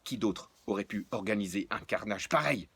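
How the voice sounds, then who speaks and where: A man voicing a furious, fussy man who cares for the children and shouts indignant accusations in a storybook reading. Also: fairly low pitch, expressive, normal speed, husky, dry recording, heavily acted.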